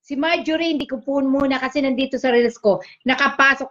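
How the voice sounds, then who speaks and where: Chatty high-voiced woman livestream host. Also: fairly even intonation, fairly quick, a bit bright. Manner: chatty, teasing, reads out viewer comments. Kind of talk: casual livestream chat. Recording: dull lo-fi stream audio.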